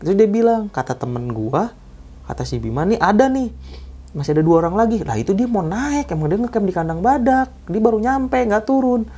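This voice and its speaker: Mellow-voiced man telling a story. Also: high voice, a little fast. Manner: lively, acts out quoted dialogue in slang. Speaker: guest telling a true hiking ghost story. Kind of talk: casual spoken storytelling.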